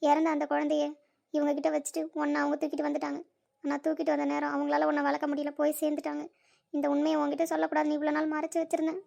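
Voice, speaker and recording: A woman's voice: high voice, monotone, rapid-fire, vocal fry, a little mellow. A woman voicing a tender old grandmother in a homemade family drama, earnestly telling a long-kept secret.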